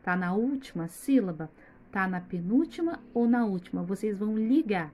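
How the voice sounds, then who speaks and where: A woman's voice: medium pitch, lively intonation, warm tone. A woman with a Brazilian Portuguese accent, a primary school teacher giving a recorded remote lesson, who patiently stretches out words and speaks straight to the children. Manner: patient, slowly spells out words and addresses the children directly.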